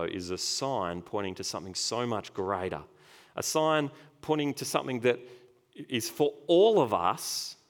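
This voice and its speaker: A man preaching a sermon with a dynamic delivery. His voice sits at an ordinary middle pitch. He moves from hushed, tender passages to loud, energetic reading of scripture. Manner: dynamic preaching, dropping soft then rising loud on scripture. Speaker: pastor.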